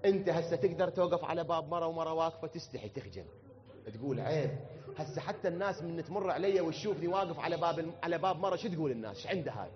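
Impassioned Iraqi preacher, high and fast. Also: male voice. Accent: Iraqi Arabic. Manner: impassioned, rising to wailing chant. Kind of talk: mourning sermon storytelling. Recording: dull lo-fi recording.

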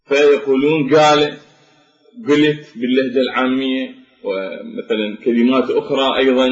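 Man, lecture, measured explanatory delivery, frequent pauses, echoey room. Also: medium pitch. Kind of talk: spoken lecture on Arabic phonetics. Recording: dull lo-fi recording in an echoey room.

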